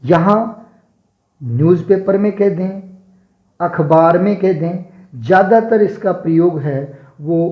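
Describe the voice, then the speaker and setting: A man teaching an exam-prep lesson in an unhurried, deliberate way, drawing out each answer choice. His voice sits a little high but sounds mellow and dark. The room around him is echoey. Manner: slow, deliberate spelling drills, repeating words to show pronunciation.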